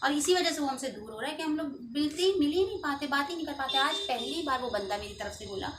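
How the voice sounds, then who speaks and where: A woman's voice: sits high, lively intonation, fast, a bit bright, roomy sound. A woman in her thirties telling a painful personal story in an emotional, pleading and indignant way. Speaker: channel host telling her own story. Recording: distant mic with clear background noise.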